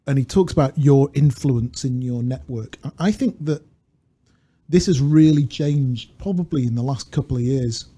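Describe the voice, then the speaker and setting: This podcast co-host has a medium-pitched, dark voice with a breathy edge and talks at a normal speed. Casual and reflective, he tells stories, laughs readily, and reads quotes aloud, recorded on a pop-filtered studio mic.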